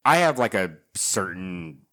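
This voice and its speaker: A man with a fairly low voice chats casually as a podcast co-host. He rambles, swears freely and often breaks into laughter. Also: big pitch swings, a little slow, bright, forceful tone. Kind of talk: casual chat.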